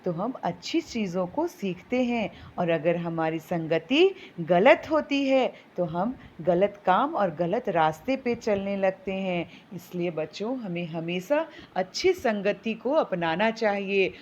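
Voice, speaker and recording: A woman teacher slowly reading and explaining a story to children. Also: lo-fi sound, slight background noise. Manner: slow and explanatory, with lively pitch.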